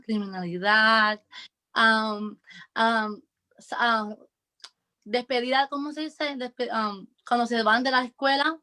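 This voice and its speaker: High-voiced hesitant woman co-host. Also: bright, forceful tone. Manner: hesitant, many fillers and searching for words. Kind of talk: church talk show discussion.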